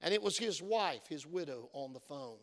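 A man preaching as pastor speaks in an animated, rather high voice at normal speed. He starts with earnest storytelling and builds to fervent exhortation, his voice worn from many phone calls. The setting has the long reverb of a church hall.

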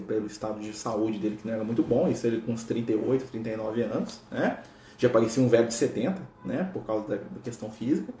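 A man's voice: mid-range voice, warm tone, reverberant, slight background noise. Chatty male spiritual storyteller. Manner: conversational, peppered with tag questions. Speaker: spiritual lecturer. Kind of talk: storytelling lecture.

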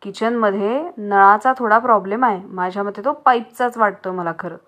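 A woman's voice: medium pitch, normal speed, fairly bright tone, close to an everyday voice. A woman voicing a brave young mother of two who talks firmly and scolds. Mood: earnest. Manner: firm, scolding.

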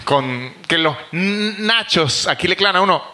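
A Venezuelan man with a high, bright voice and a Venezuelan accent. He tells animated, funny stories on a live comedy podcast and swears freely. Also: normal speed, a little hiss or hum. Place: theater stage before a live audience.

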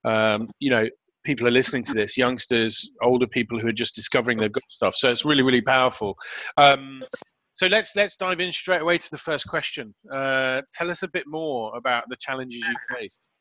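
Middle aged guy hosting a podcast, encouraging, forceful bright voice, bit lo-fi. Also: mid-range voice, a little fast, dry recording. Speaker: podcast host. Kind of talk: conversational podcast interviewing. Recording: dry, slightly dull lo-fi audio.

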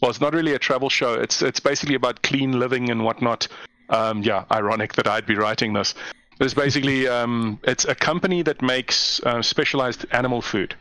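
A man's voice: medium pitch, fairly quick, no room sound. A South African man, a comedian guest chatting casually and telling stories with lots of animation and laughter. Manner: animated storyteller, jumps into mock voices, laughs often. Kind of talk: casual chat.

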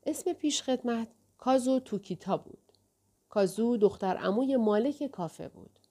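A woman narrating a novel in a calm, steady reading voice. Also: on the high side. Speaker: audiobook narrator. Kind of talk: scripted narration.

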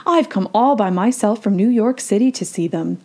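A woman's voice: medium pitch, lively intonation, moderate pace, a little mellow, natural voice. Sylvia, a woman doing a genteel older lady. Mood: gracious. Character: elegant gracious older woman. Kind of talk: storybook read-aloud.

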